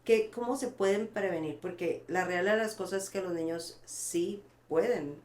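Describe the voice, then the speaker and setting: A woman's voice: lowish voice, normal speed, a little mellow. A woman hosting a podcast, asking questions hesitantly with many fillers and tag questions. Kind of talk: casual podcast conversation. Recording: roomy echo.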